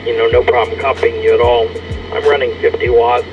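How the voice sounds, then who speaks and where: A man's voice: medium pitch, fairly quick, over music. Man heard over a two-way radio. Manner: relaxed, stops with fillers. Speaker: ham radio operator. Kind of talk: radio contact chat. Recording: muffled radio reception.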